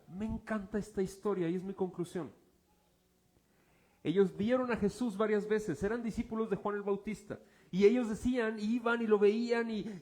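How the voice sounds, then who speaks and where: A man preaching a sermon in church, swinging from loud exclamations to hushed low passages. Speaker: pastor.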